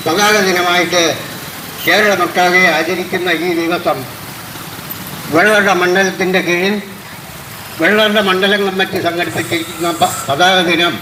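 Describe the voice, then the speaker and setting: A man's voice: high-pitched, fairly even intonation, unhurried, pauses often. A man with a Kerala accent giving a formal public address as announcer at a political event. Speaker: local party event announcer. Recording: echoey, noisy outdoor setting with vehicles.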